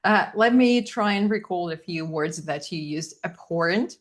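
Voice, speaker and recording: A woman with a fairly low voice hosts an English-learning interview. She repeats new words back and asks how each one is stressed. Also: lively intonation, normal speed. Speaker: English teacher host.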